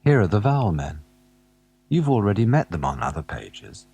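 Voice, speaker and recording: A man narrating a children's alphabet storybook, gently asking the young listener questions as he goes. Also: fairly low pitch, big pitch swings, normal speed, creaky, slightly rough, no echo.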